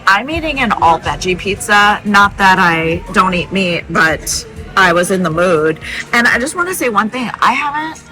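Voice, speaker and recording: A woman's voice: medium pitch, expressive, moderate pace, bright, forceful tone, faint music behind. A woman vlogging casually aboard a cruise ship, chatting upbeat and directly to her viewers. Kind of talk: casual vlog narration.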